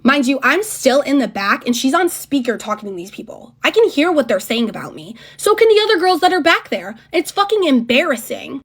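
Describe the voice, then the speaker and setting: High-voiced young woman ranting a storytime. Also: very animated, fairly quick, hardly any pauses, a bit bright. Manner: blunt, sarcastic, swears freely. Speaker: retail worker telling a storytime. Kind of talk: casual storytime rant.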